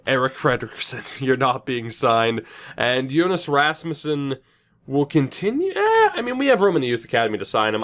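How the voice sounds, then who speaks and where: Chatty young man commenting on a game. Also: medium pitch. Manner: chatty, self-mocking, lively asides. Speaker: gaming commentator.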